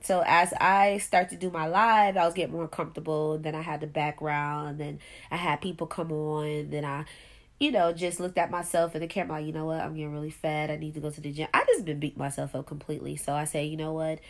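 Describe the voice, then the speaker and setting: A woman's voice: low voice, level tone, a little fast. A woman in her thirties, a podcast host from Buffalo, New York, talking casually and rambling on her own show, nasal and congested from allergies. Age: 30s. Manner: chatty, rambling, laughs often. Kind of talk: casual solo podcast monologue.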